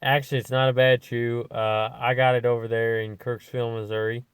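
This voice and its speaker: A man's voice: medium pitch, little pitch movement, fairly quick, clean tone, no room sound, clean studio sound. A man giving a casual, rambling, plain-spoken vlog review, talking with a lip full of dip. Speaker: amateur product reviewer. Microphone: phone.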